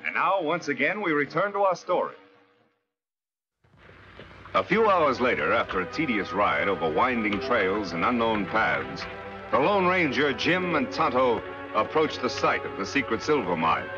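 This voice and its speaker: Old radio show announcer, male, lively swooping theatrical read; dull vintage broadcast with faint music. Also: mid-range voice, normal speed. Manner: dramatic, theatrical delivery. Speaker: announcer and narrator.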